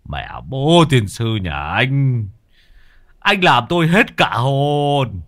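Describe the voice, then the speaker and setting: A man voicing a gruff middle-aged fisherman father who shouts and scolds with coarse curses. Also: fairly low pitch, sing-song, normal speed, no echo, studio quality. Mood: scolding.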